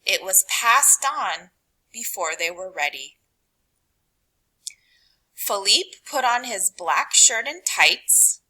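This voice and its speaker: A woman with a mid-range voice reads a children's picture book aloud, expressive and dramatic, pausing deliberately and letting phrase endings drop to a hush. The audio quality is poor.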